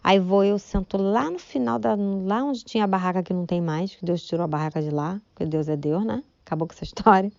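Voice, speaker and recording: A woman's voice: medium pitch, a little fast, vocal fry, few pauses, darkish tone, no room sound, muffled recording. A woman gives a church testimony in a chatty, emotional storytelling manner, often turning to her listeners for agreement. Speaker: church member giving testimony. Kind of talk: spoken religious testimony.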